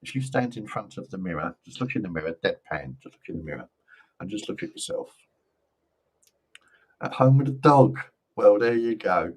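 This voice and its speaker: A low-pitched man with a husky, breathy edge to his voice. He leads live psychic card readings in a gentle, reassuring manner and slips in jokes along the way. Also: animated, normal speed, long pauses. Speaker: psychic reader.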